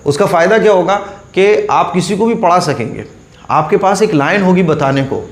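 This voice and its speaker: A man gives a patient Quran reading lesson in a slightly raised voice. He drills each letter slowly and repeats the rule often. The room around him is echoey. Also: high voice, animated.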